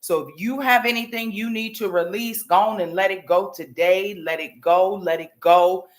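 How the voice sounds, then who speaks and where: An American woman hosts a livestream offering a casual, psychic-hotline-style tarot reading, speaking straight to her viewers in an informal, familiar, slangy way. Her mid-range voice has fairly even intonation and normal speed, and the recording has a roomy echo with light background noise.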